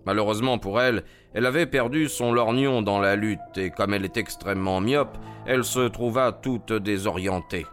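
A man narrating an audiobook in a measured, dramatic way. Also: fairly low pitch, soft background music.

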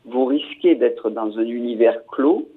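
A man commenting in a radio discussion, his voice husky and slightly breathy. He comes through a narrow, tinny telephone line and talks in a halting way, repeating words and filling pauses. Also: medium pitch. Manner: hesitant, repeats words, many fillers.

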